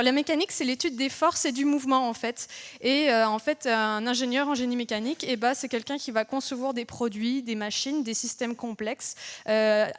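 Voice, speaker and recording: A young woman from France with a French accent, giving a chatty, interactive public lecture as an engineer, with many fillers and questions to the audience. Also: on the high side.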